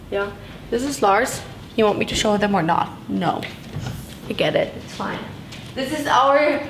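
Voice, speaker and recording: A young woman giving a casual, rambling tour of her bedroom and bathroom, filmed on a handheld camera as she walks around. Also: high-pitched. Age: young adult. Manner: bubbly, rambling, lots of "like" and "so cool". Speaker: vlogger giving a house tour. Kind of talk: casual chat. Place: large tiled bedroom and bathroom indoors. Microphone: handheld camera, speaker moving around. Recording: echoey room with background noise.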